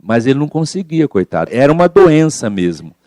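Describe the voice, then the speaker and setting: A man guides a spiritist study group in a relaxed, conversational way, often slipping into acted-out examples to make a point. His voice sits at an ordinary middle pitch. The recording is dry, with almost no room echo. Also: fairly quick. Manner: colloquial, explains by acting out examples. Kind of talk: informal group study talk.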